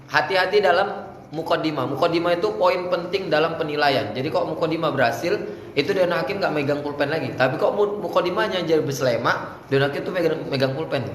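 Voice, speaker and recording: A man with a fairly high voice speaks fast as he casually coaches students for an Islamic speech contest, now and then chanting Arabic phrases to demonstrate. He's in an indoor room at an Islamic boarding school, with echo and faint background noise.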